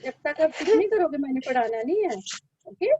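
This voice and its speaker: High-voiced Indian woman teaching online. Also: very animated, mellow, no room sound. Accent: Indian English. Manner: slow, drawn-out prayer, then pleading and scolding. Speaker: primary school teacher. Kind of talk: online class, leading prayer then calming a child. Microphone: video call. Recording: dull lo-fi video call audio.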